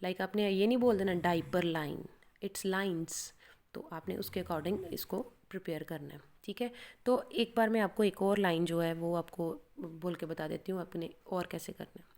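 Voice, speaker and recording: Woman, friendly exam coach, casual explainer who slows right down to model each sample sentence. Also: on the low side, a little mellow. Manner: reads sample sentences aloud very slowly and deliberately; friendly, addresses learners as beta. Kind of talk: casual Hinglish teaching.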